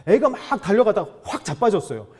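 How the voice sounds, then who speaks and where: A middle-aged man giving a lively lecture to fathers, acting out dialogue and asking the audience questions. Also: high-pitched, fast talker. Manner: animated, acts out dialogue, asks audience questions.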